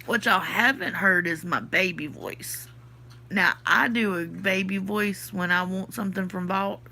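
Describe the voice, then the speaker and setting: A Southern-accented woman from the US South, stuffy from her sinuses, reads her live chat aloud as a podcast host and replies casually. Her medium-pitched voice is bright and forceful, and she takes her time.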